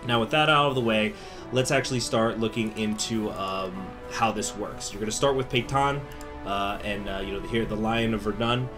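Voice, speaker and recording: A man's voice: fairly low pitch, fairly even intonation, moderate pace. A man speaking through a face mask, giving a chatty, informal strategy game tutorial as the host. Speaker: gaming video host. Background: music.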